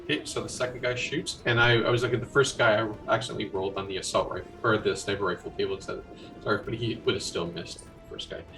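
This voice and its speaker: A man's voice: on the low side, steady tone, fast talker, fairly bright tone, far from the mic, soft background music. A man narrating combat as game master of a tabletop role-playing game, in a casual, rambling way with many fillers.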